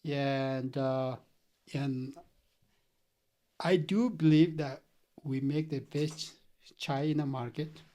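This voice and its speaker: A middle-aged man from Nepal, a company founder, earnestly tells his story as a guest in a casual interview, chuckling often. His voice is medium-pitched, steady and warm, and he speaks slowly with frequent pauses.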